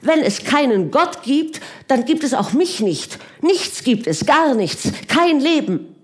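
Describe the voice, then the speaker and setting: A woman's voice: fairly high pitch, lively intonation, takes it slowly, mellow, husky, pitched above the performer's own voice, heavily acted. A woman reading an earnest dreamy young woman. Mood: heated. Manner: pleading, intense.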